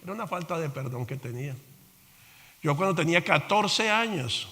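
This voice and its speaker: A man from Colombia preaching a sermon as pastor, animated, jumping between loud exclamations and quiet asides. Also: fairly high pitch, moderate pace. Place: church sanctuary. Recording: long church hall reverb.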